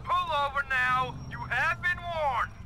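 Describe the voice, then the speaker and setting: A man's voice: extremely high pitch, slow. A man playing a police officer who barks traffic commands through a bullhorn over a siren, in noisy game audio from a distance. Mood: commanding. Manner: barking commands.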